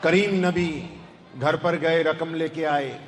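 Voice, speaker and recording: A man's voice: on the high side, fairly even intonation, slight background noise. A man with a Punjabi accent preaching a sermon at a shrine, telling a story with fervent, rising emphasis. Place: large shrine courtyard. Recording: long hall reverb, faint ambience.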